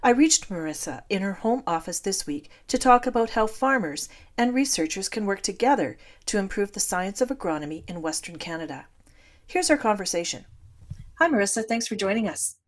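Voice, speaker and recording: Lady podcast host, steady questions, introduces the guest. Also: mid-range voice, a little fast. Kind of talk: interviewing a guest.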